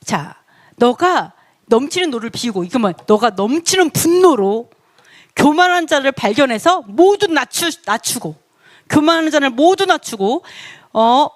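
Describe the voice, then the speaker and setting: High-voiced woman preaching animatedly. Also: unhurried. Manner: animated, acts out quotes with pitch jumps; laughs often, conversational asides to the congregation. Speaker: pastor. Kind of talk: sermon.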